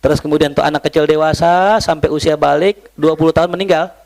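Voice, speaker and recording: A man's voice: a little high, fast, gravelly. A man teaching an Islamic study class, mixing Arabic recitation with joking, colloquial asides to his students. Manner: lively, joking, colloquial Jakarta slang mixed with Arabic recitation. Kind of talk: religious study lecture.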